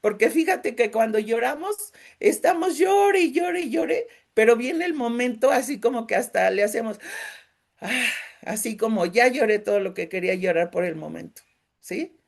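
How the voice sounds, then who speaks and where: Middle-aged Mexican woman with some gravel in her voice. Gentle, emotional group leader for a faith-based grief talk. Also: fairly high pitch, moderate pace. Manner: gentle, emotional, addresses listeners directly with frequent checks.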